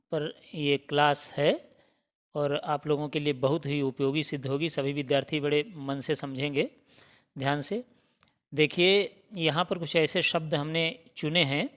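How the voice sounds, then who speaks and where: A man's voice: a little high, a bit bright. A man teaching a Hindi spelling lesson for exam students, drilling each word by asking it and answering it himself. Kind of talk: exam-prep grammar lesson.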